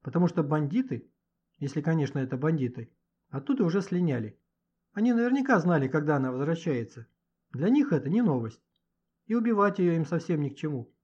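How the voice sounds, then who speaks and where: Man playing a schoolgirl, feisty, shrill, indignant, husky edge. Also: very animated, a little fast, darkish tone. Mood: reasoning. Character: feisty schoolgirl, quick to anger. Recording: dull lo-fi audiobook recording.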